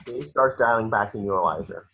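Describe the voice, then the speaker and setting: Reading the action lines for an amateur table read, this male narrator has a lowish, sharp-toned voice and moves a little fast. The home recording is dull and lo-fi, with slight background noise.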